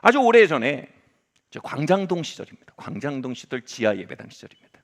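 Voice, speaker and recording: Middle-aged male pastor, fairly high and very lively voice, dramatic sermon storytelling that jumps between loud peaks and quiet asides. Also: a little fast. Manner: dramatic, swings between loud exclamations and hushed low asides.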